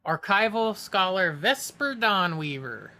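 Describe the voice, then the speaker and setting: A man's voice: high voice, big pitch swings, measured pace, sharp tone. A man acting as game master, narrating and chatting with players in a tabletop game, with casual asides and self-corrections.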